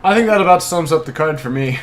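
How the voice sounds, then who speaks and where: A man's voice: a little high, animated, fast talker, heavy background noise. A man co-hosting a casual card review over a video call, trading dry wisecracks. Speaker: co-host reviewing cards. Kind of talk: casual joking chat.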